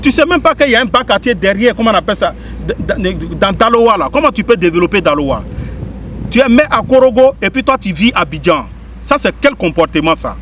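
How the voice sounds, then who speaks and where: Ivorian guy talking straight to camera, preachy, keeps asking questions, fairly high voice, outside with faint traffic. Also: a bit bright. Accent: Ivorian French. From Ivory Coast. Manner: preachy, repeating and questioning the listener. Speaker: spiritual medium giving a public message. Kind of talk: impassioned direct-to-camera address.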